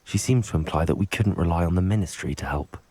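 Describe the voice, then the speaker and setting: Low-voiced schoolboy hero. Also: male voice, fast, dark tone, dry recording. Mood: earnest. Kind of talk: video game dialogue. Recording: game music underneath. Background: game music.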